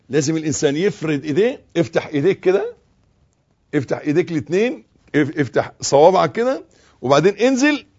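An Egyptian man with a slightly raised pitch gives a religious lesson, correcting how people recite and showing the right way. He often drops into slow, quiet recitation. The recording is dull and lo-fi. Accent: Egyptian Arabic. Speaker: religious teacher. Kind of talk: instructional talk on prayer and recitation.

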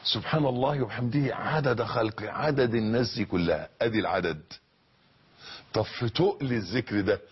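A male preacher with an Egyptian accent delivers a fervent sermon, repeating phrases and moving between hushed passages and shouts. His voice sits low and has a husky edge. The recording sounds dull and lo-fi. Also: brisk. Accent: Egyptian Arabic. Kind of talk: religious sermon.

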